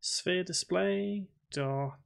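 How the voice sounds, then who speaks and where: This man's voice is high-pitched and gravelly with a little hiss or hum, and he speaks extremely slowly. Hosting a casual live stream, he codes while talking to himself, reads chat questions aloud, and considers his own voice boring.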